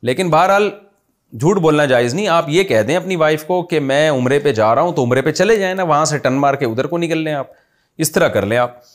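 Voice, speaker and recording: A man's voice: fairly high pitch, animated, brisk. A man with a Pakistani Urdu accent answering listeners' religious questions in a conversational way, explaining with examples. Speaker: Islamic scholar answering questions.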